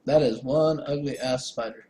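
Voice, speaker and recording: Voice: medium pitch, normal speed, warm tone, a little hiss or hum. A gamer giving casual, sarcastic, sweary commentary over gameplay, sounding amused. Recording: echoey room.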